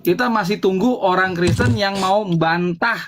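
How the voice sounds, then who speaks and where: A high-voiced man hosts a live debate in an explanatory, insistent way, repeating phrases as he goes. There is faint noise and some clicking on the recording. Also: moderate pace, fairly bright tone. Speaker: host, translator and team leader debating religion.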